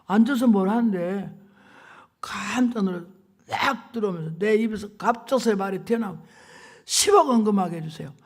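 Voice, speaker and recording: A woman's voice: medium pitch, normal speed, a little mellow. An older woman preacher giving an emotional sermon testimony in a dramatic, colloquial, emphatic way. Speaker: revival preacher.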